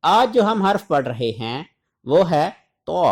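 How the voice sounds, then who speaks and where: A man from Pakistan teaching a tajweed lesson, repeating syllables slowly and deliberately and chanting short recitation examples. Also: a little high, very animated. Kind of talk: tajweed lesson, drilling letter sounds.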